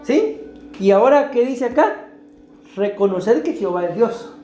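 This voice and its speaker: A woman with a Costa Rican accent delivers a sermon, her voice sitting somewhat high. She teaches patiently and keeps asking the congregation questions. The room is echoey, with a faint hiss of noise beneath her. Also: lively intonation, mellow. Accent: Costa Rican Spanish. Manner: explains slowly, asks the congregation questions. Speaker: preacher.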